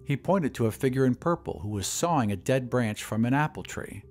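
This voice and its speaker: Expressive male audio drama narrator. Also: mid-range voice, a little fast, soft background music.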